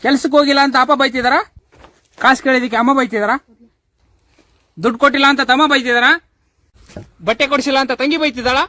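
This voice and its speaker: A man voicing an overexcited ad announcer with a North Karnataka Kannada accent and a pushy sales pitch. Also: steady tone, fast talker, pauses often, no room sound. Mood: hyped. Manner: hyped sales pitch, shouty.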